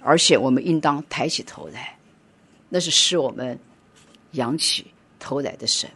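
A middle-aged woman preaching a sermon and telling a personal story, swinging between loud urging and quiet telling. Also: extremely low pitch, normal speed, breathy edge.

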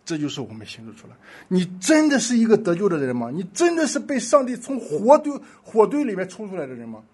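Male preacher, husky and high-pitched, very animated sermon delivery with loud pleas and quiet asides. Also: fast talker. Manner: impassioned storytelling, swinging from loud pleading to hushed asides.

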